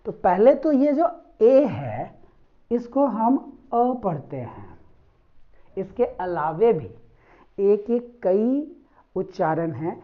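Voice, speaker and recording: Slow-paced woman teaching phonics. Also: mid-range voice. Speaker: English teacher. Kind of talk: phonics lesson. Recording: dull lo-fi recording.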